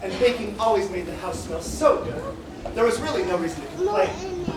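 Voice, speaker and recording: A woman's voice: mid-range voice, moderate pace, background noise, close to an everyday voice. Woman as fussy storyteller in very echoey theatre. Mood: wistful. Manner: expressive, exclaiming. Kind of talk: children's stage musical narration and acting. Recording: very echoey theatre, distant, music.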